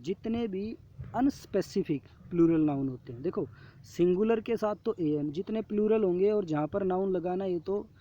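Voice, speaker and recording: A man with an Indian accent teaching an English grammar lesson, explaining patiently to students and reading the English examples out slowly. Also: high-pitched, mellow. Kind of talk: classroom lesson explaining a worksheet. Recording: dull lo-fi audio.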